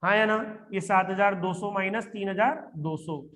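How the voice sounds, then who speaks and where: High-voiced man teaching accounting. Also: a bit bright. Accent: Indian English. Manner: asks students quick checking questions; repeats English phrases slowly while reading a question. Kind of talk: classroom lecture.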